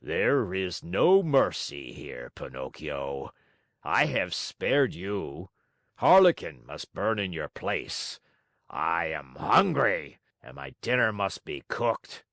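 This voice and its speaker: A man doing a hoarse, booming old puppet-theater director from a storybook. He swings between grumbling and bellowing, with deep, drawn-out words in a dry, close recording. Hard on the outside, soft at heart. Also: big pitch swings, dry recording, full character voice. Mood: gruff. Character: gruff bearded male puppet-show director, hungry, bad-tempered yet softhearted.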